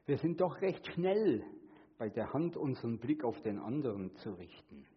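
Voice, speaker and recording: A man preaching a sermon, earnest, moving between hushed and emphatic delivery. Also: sing-song, normal speed, husky, highs cut off. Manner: acts out quoted voices with sudden high pitch.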